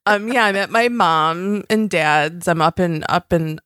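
A woman's voice: on the low side, a little slow, a bit bright, clean tone, dry recording, clean studio sound. A woman co-hosting a podcast from a spare bedroom, cracking wry, self-deprecating jokes. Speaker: podcast co-host. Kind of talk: casual chat. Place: spare bedroom at her parents' home. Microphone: microphone with laptop and earbuds.

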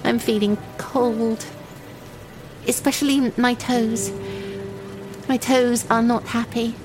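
Timid young runaway: high voice, naive, confiding, wistful audio drama monologue, music underneath. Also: female voice, level tone, slow pace. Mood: chatty, naive. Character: lonely, timid young runaway waiting for a train, childlike and wistful.

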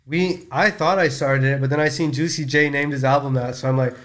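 A man's voice: mid-range voice, fairly even intonation, a little fast, a bit bright. A man from Canada in his thirties, a store-owner guest chatting casually on a podcast in a laid-back, rambling way. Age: 30s.

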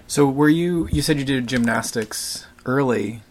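A man's voice: medium pitch, measured pace, slight background noise. A man hosting a podcast, asking long, searching questions with many fillers. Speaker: podcast host. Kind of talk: podcast interview.

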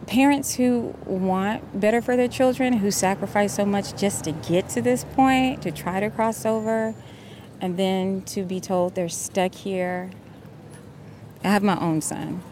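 A woman's voice: lowish voice, a little mellow, slight background noise. A woman who founded a volunteer school, speaking earnestly and from the heart in an interview.

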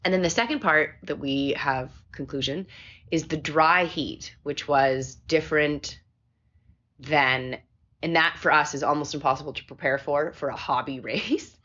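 A woman's voice: low voice, a little slow, bright, forceful tone, muffled recording. A woman hosting a casual post-race chat, rambling a little, recorded on a phone in a hotel room. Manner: rambling, with many restarts and fillers. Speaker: podcast host.

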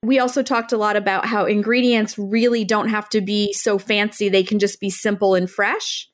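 A woman's voice: medium pitch, little pitch movement, normal speed. A woman hosting a podcast, upbeat and enthusiastic as she introduces guests and topics. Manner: upbeat, enthusiastic promotional delivery. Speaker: podcast host, interior designer.

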